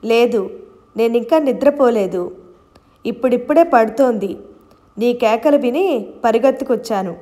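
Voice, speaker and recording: A woman voicing a young husband who speaks softly with concern to his frightened wife in a read-aloud novel. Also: a little high, normal speed, long pauses, close to an everyday voice. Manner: soft, concerned questioning. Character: worried young husband, gentle and protective.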